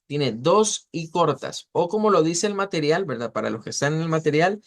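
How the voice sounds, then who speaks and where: A man with a fairly high, animated voice gives an online class lecture on pronunciation. He explains the material and repeats words slowly to model the sounds.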